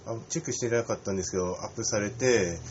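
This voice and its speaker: A man's voice: fairly low pitch, racing. A man co-hosting a casual radio talk, easygoing, giving many short replies. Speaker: co-host. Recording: slightly dull audio with faint ambient noise.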